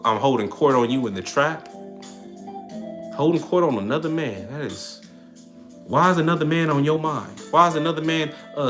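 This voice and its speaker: Animated streetwise man on a livestream. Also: a little high. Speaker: livestream host. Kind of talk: casual livestream talk answering chat.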